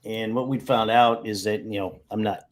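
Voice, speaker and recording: Low-voiced rambling man. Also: fairly even intonation, normal speed. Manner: rambling, self-correcting storyteller. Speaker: guest geocacher. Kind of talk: casual video-call chat.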